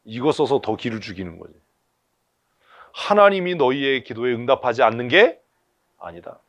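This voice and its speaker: A man's voice: medium pitch, sing-song, moderate pace, fairly bright tone, no echo, highs cut off. A man preaching a sermon in blunt, colloquial speech full of rhetorical questions. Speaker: pastor. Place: church service.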